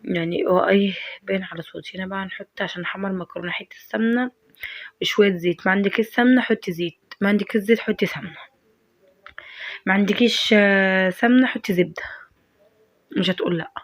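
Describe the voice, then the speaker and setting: A woman's voice: medium pitch, fast talker, pauses often, dry recording. A woman with an Egyptian accent chatting casually through a cooking vlog, her voice stuffed up by a head cold. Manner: chatty, talks to viewers directly. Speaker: home cook vlogger.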